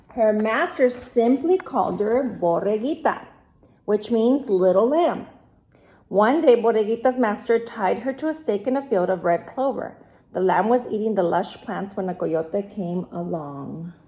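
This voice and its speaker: A woman teacher reading a picture book aloud to her class, gentle and clear. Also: mid-range voice, animated, unhurried. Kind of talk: read-aloud storytelling.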